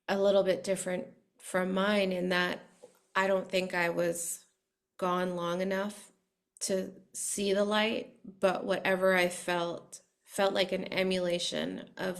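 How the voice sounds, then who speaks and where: A woman's voice: fairly low pitch, vocal fry. A young adult woman hosting a podcast, sharing a personal story earnestly and reflectively, with many fillers. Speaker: podcast host. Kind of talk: heartfelt conversation.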